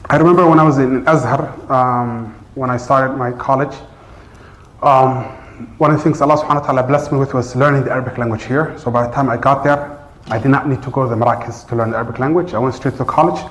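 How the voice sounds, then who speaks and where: Speaking fast in a steady, mid-range voice, an Arabic teacher whose first language is English gives his class an earnest, informal talk riddled with fillers and restarts. The large community-center room leaves a roomy echo.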